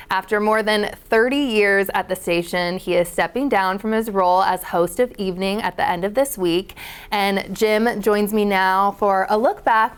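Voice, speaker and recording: A woman's voice: mid-range voice, clear, resonant tone. A woman hosting a morning talk show, chatting casually and laughing often. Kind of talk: casual chat.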